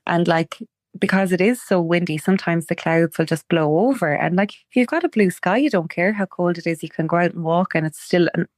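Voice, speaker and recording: A young Irish woman who guides wildflower walks chats enthusiastically as a guest in a conversational interview from her island home, using "like" a lot. Her voice is fairly low, brisk and darkish, recorded with clean studio sound and no echo.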